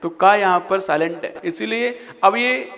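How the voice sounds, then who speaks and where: High-voiced monk teaching chant in hall. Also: male voice, vocal fry, fairly bright tone. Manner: slow, patient, chants verses between explanations. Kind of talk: recitation lesson. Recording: long hall reverb.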